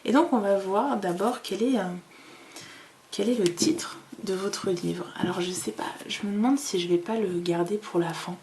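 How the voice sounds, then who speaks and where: A woman giving a card-reading guidance in a calm, hesitant way, with many fillers, seated at a table with her cards. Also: medium pitch, moderate pace, slight background noise. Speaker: tarot reader.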